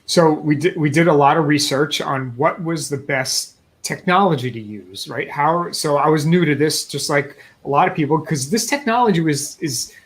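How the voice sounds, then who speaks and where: Upbeat forties male guest, slightly high voice, explaining his business on a video call. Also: moderate pace, few pauses. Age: 40s. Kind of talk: interview storytelling.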